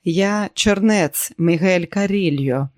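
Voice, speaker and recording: A man doing a soft-spoken kindly monk, quiet, slightly high, dry audiobook sound. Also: normal speed, no echo, natural voice. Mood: gentle. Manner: quiet and kind. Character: gentle, soft-spoken middle-aged male monk.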